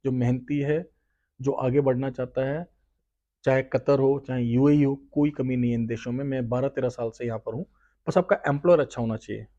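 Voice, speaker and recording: A man's voice: mid-range voice, warm tone. A man, giving casual interview advice that mixes Hindi with English phrases and often checks in with "right?". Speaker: host giving job interview tips. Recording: slightly dull, lo-fi sound.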